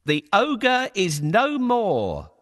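A cunning, smooth-talking cat, put on by a man for a bedtime storybook. The voice sits high and swings widely in pitch as he flatters and persuades. It sounds playful and scheming. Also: extremely slow, full character voice. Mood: scheming, flattering.

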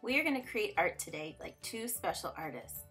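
Woman teacher doing a kids explainer voiceover, medium pitch, music behind. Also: big pitch swings, normal speed, a bit bright. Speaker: narrator, art teacher. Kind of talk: scripted educational narration for children.

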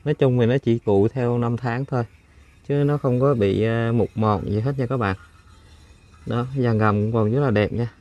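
A man's voice: medium pitch, normal speed, a little mellow. Chatty Southern Vietnamese car salesman. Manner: chatty, upbeat sales patter with frequent fillers. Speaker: used car dealer. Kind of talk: casual walkaround sales video. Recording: engine noise and ambient clatter. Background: idling car engine.

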